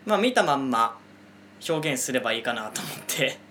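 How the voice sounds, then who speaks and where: A man's voice: medium pitch, big pitch swings, a little fast, sharp tone, slight background noise. A man in casual podcast chat, politely reflecting on his own race-calling. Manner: polite, reflective, self-critical. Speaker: aspiring race caller.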